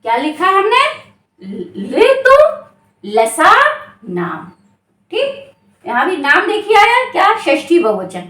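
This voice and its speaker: A woman with a very high, animated voice leads an exam-prep grammar lesson at an unhurried pace. She keeps asking questions and answering them herself, and stretches syllables to make sounds clear. Her voice rings in an echoey room. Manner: slow, drawn-out syllables when stressing sounds. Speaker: Sanskrit grammar teacher.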